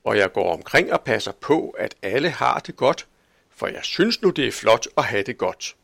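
A man voicing a kindly, easygoing police chief in a storybook reading, speaking in a gentle, sing-song way. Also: mid-range voice, sing-song, vocal fry, no echo, clean studio sound, heavily acted. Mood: friendly.

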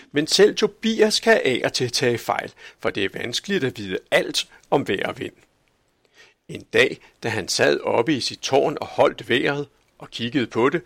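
A man reads a children's story aloud in calm, measured audiobook narration. His mid-range voice has a gravelly texture, and the recording is dry and close. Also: medium pitch, dry recording.

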